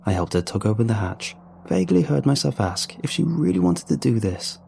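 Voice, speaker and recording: A man reading a scripted horror story aloud in a slow, hushed and deliberate manner. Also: mid-range voice, big pitch swings, vocal fry, a little hiss or hum. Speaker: narrator.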